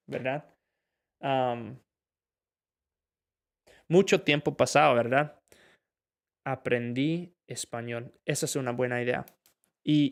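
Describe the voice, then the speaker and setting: A man hosts a casual live-stream English lesson, reading out viewer questions and chatting through the answers. His voice sits at a middling pitch, and he drifts easily between two languages in a relaxed, talkative way. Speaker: English teacher.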